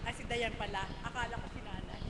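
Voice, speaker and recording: A woman leading a church gathering, lively, calling out questions to the congregation. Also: fairly high pitch, fast. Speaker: worship leader. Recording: echoey hall with faint noise.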